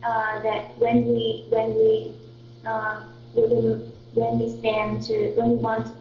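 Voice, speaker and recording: A woman's voice: on the high side, completely flat delivery, slow pace, slight background noise. A woman from Vietnam with a Vietnamese accent, an English student reading aloud and answering questions, often searching for words. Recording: tinny phone-like line in an echoey room.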